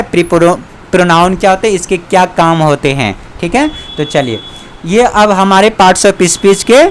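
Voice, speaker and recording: A man teaching a grammar lesson, dictating slowly and asking the class repeated questions. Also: high-pitched, smooth. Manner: slow, drawn-out dictation with repeated questions to students.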